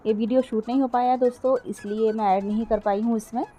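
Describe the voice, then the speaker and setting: Mellow-voiced woman chatting through a cooking vlog. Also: a little high, steady tone, fast, slight background noise. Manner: chatty, explains step by step, often addresses viewers. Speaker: cooking vlogger. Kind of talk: casual voice-over cooking vlog.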